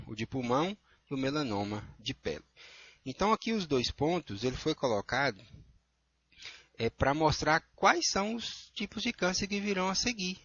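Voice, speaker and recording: A Brazilian man teaching a class, his husky voice sitting a little high and moving a lot. He walks through each answer step by step. The sound is dull and lo-fi in a dry space. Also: a bit bright, no echo. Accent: Brazilian Portuguese. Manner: explanatory, checks in with frequent "tá?" and "né?". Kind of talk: going over worksheet answers.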